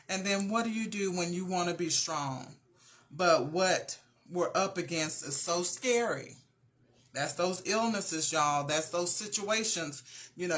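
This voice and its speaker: A woman's voice: lowish voice, a bit bright. Earnest woman giving an encouraging talk. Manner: earnest, speaks straight to listeners. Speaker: motivational show host. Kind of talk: encouraging faith-based talk.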